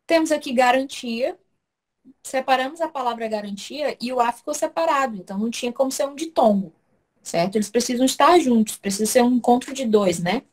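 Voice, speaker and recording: A woman's voice: a little high, a little fast, a little mellow. A woman teaching Portuguese in an online class, explaining step by step and checking in often with her students.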